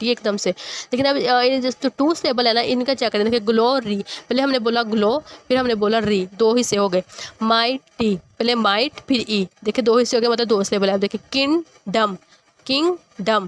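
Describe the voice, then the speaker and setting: A female teacher with a fairly high pitch explains a school lesson. She reads English lines slowly, then explains each one in Hindi-Urdu.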